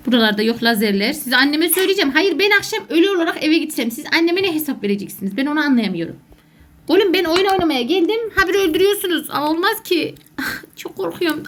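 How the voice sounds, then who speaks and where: A woman's voice: high-pitched, fairly bright tone. A woman doing jokey, panicky let's play commentary as a gaming YouTuber who calls herself a gamer mom.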